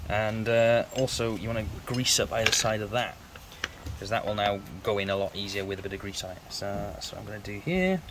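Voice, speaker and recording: A man's voice: on the low side, fairly quick, noisy background. A man doing a casual, self-deprecating how-to narration while working on his car in a garage. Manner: chatty, self-deprecating, rambling. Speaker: car build vlogger. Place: garage workshop.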